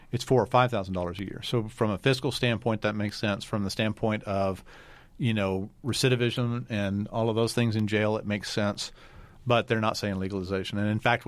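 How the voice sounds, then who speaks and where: A low-voiced man talks politics on a podcast. He lays out his points casually, with dry humor, and his voice drops at the ends of phrases. The sound is close and dry. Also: no room sound. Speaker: podcast panelist.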